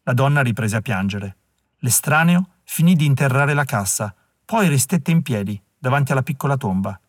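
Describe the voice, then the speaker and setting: A man reading an audiobook as narrator in a measured, even storytelling delivery. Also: mid-range voice, no echo, clean studio sound.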